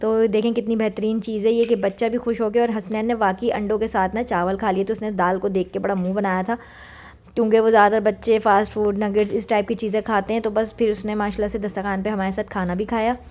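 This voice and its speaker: A woman's voice: medium pitch, level tone, fast, a little mellow. A woman in her thirties narrating her home cooking in a chatty, homely voice-over, mixing English words into her talk. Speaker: cooking vlogger. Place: home kitchen.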